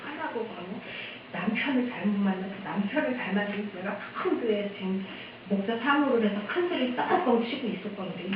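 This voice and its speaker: A woman's voice: medium pitch, animated, moderate pace, background noise. A woman missionary from Korea giving a candid, chatty testimony at a church service. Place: church sanctuary. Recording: echoey hall, distant dull mic.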